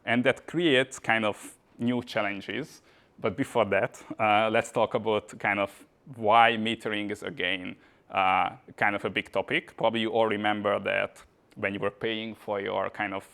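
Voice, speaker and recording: A man's voice: fairly low pitch, level tone, moderate pace, gravelly, fairly bright tone, clear, resonant tone. A man from Hungary, giving a casual tech meetup talk with frequent "uh" and "kind of" fillers. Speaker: conference speaker. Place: meetup venue.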